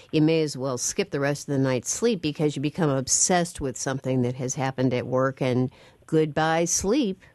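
A woman hosting a radio call-in show from a studio, friendly and brisk as she moderates callers and keeps time. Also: low voice, dry recording. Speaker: radio talk show host.

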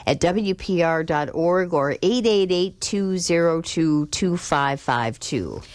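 A woman with a fairly low voice hosts a public radio program from a studio mic. She moves between pledge appeals and welcoming callers. Her numbers come out slow and deliberate, and the sound is close and dry. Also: expressive, a little mellow, dry recording. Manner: reads phone numbers slowly and deliberately. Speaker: radio host. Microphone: studio microphone.

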